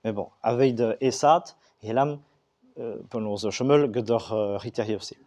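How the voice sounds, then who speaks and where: A man giving an explanatory talk, speaking haltingly with many fillers and restarts. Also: on the low side, mellow. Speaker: Breton language speaker discussing regional and school Breton.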